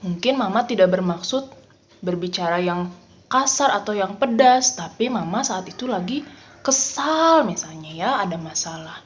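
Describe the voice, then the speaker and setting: A woman teaching a children's Bible lesson in an animated, playful way, acting out little voices. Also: medium pitch, normal speed. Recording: dull lo-fi recording.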